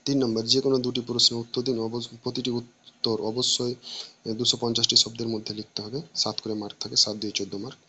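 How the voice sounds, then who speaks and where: A man reads out exam questions one by one, in a level, even voice with little rise and fall. He moves through the answer choices at a measured, steady pace, stopping now and then to restart a word. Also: medium pitch, a little hiss or hum. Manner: flat, steady reading with small restarts. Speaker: teacher reading an exam paper. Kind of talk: reading exam questions aloud.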